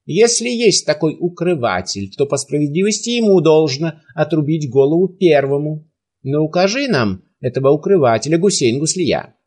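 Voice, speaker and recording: Guy doing a haughty emir, bossy, pitch all over the place. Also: lively intonation, normal speed, darkish tone, slightly rough. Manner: haughty, imperious. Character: pompous impatient ruling emir, adult man.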